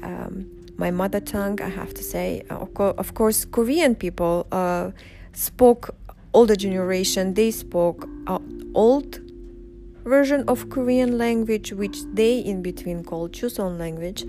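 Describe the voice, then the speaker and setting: A woman in her 40s from Uzbekistan, whose first language is Russian, tells personal stories in a vlog over background music. Her voice is slow and husky, medium in pitch with a dark tone, and she speaks in an unhurried, reflective way with frequent pauses.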